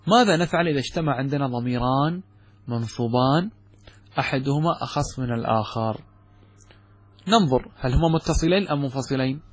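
A man teaching Arabic grammar from a classical text, with a Gulf Arabic accent, asking and answering his own questions and saying example words slowly with stress. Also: medium pitch, breathy edge. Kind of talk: explaining a grammar text in a lesson.

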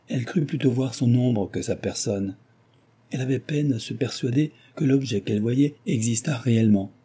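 Dark, husky male audiobook narrator. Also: fairly low pitch. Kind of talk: scripted literary narration.

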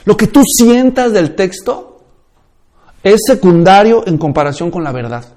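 A man's voice: sits high, lively intonation, a little slow, mellow. A man teaching a course on preaching, emphatic and full of rhetorical questions. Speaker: preaching instructor.

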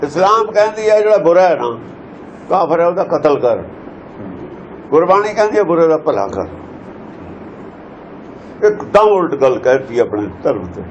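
A man's voice: a little high, very animated, normal speed, pauses often, slight background noise. A man explaining scripture verses to listeners, emphatic and pressing pointed rhetorical questions. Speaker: scripture teacher. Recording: dull lo-fi recording.

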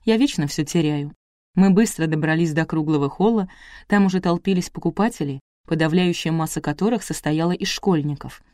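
A woman narrating a novel as an audiobook, brisk and wry. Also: low voice, a little mellow, no echo, clean studio sound. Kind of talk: audiobook reading.

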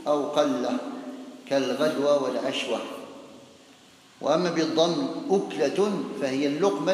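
Man teaching in an echoey hall. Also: mid-range voice. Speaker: sheikh teaching hadith. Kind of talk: classical Arabic lesson on a hadith collection.

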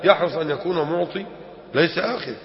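Egyptian sheikh in an echoey hall. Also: male voice, fairly high pitch, quick pace, muffled recording. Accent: Egyptian Arabic. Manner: animated, rhetorical questions to the audience. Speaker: sheikh teaching a religious lesson. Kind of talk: colloquial religious lesson.

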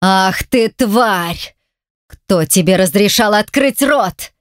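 A woman's voice: medium pitch, takes it slowly, no room sound, studio quality, natural voice. A woman reading an audiobook voices a furious, brutal man who snarls threats and insults. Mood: menacing. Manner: snarling, menacing, shouting insults.

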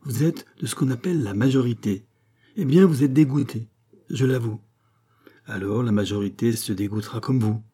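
A man voicing a calm, lecturing male doctor in an audiobook, with rhetorical, insistent phrasing. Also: mid-range voice, moderate pace, breathy edge, lightly acted. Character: male doctor, calm persuasive political thinker. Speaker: character in an audiobook.

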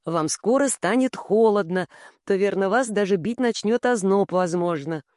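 A composed young shinobi, as a man reads him in an audiobook calls out loudly and distinctly, pitched a little above the reader's own voice. Each word is measured and quietly pleased with itself. The sound is dry and close. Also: dry recording, lightly acted. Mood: coolly mocking. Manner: loud, clear, measured speech. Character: young male shinobi, calm, coldly pleased.

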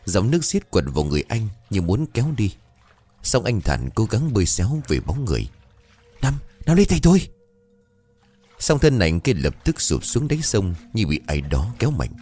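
A man narrating a ghost story in a dramatic, expressive way. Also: sits low, a little fast. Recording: dry close voice, faint music.

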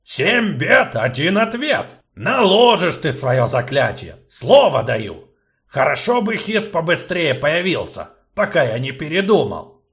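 A man voicing a blunt, hot-tempered gnome in an audiobook, talking loudly and grumbling. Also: fairly high pitch, big pitch swings, measured pace, voice pushed up, exaggerated voice. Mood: gruff. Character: gruff hot-tempered male gnome warrior.

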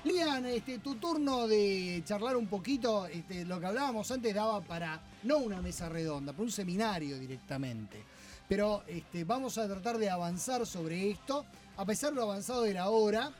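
A man's voice: sits high, moderate pace, faint music behind. A man hosting a radio show in a Rioplatense Spanish accent, chatting casually with guests and reading out listener comments. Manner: relaxed, chatty, reads listener comments aloud.

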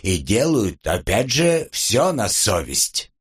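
A fussy old house spirit voiced by a man grumbles in folksy storybook fashion. The voice sits low and husky, with a lively rise and fall. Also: slow pace, heavily acted. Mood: pleased. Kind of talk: audiobook character reading.

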